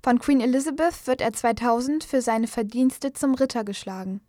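A woman narrates a scripted news portrait. Her voice is a little high and recorded very dry in a studio. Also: moderate pace, mellow, dry recording.

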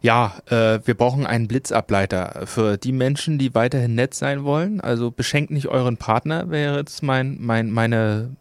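A man's voice: medium pitch, moderate pace, few pauses, dry recording. Rambling hesitant middle-aged man. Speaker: radio co-host. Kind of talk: casual chat.

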